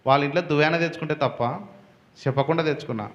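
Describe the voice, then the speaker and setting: A man's voice: fairly high pitch, rapid-fire, a bit bright, muffled recording. A male pastor preaching a sermon, asking rhetorical questions and building to emphatic peaks.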